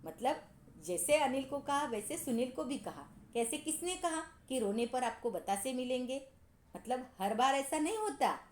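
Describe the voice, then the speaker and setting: A woman's voice: high voice, expressive, normal speed, echoey room. A woman teacher explaining a story lesson to her pupils, asking them questions and repeating key points. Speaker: school teacher.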